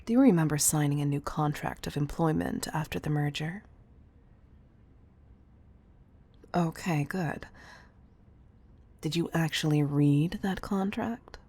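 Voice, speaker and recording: Her low, mellow voice has a slight roughness as she portrays a composed, commanding CEO in intimate roleplay audio. She speaks with measured teasing and affectionate firmness, sounding patronizing and probing.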